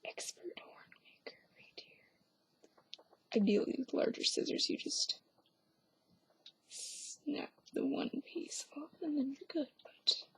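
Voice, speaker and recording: A woman's voice: high voice, animated, slow pace, vocal fry, long pauses, a bit bright, no room sound, poor audio. A young woman whispering through a hands-on craft tutorial at home, with offhand, self-mocking asides. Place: at home, quiet indoors.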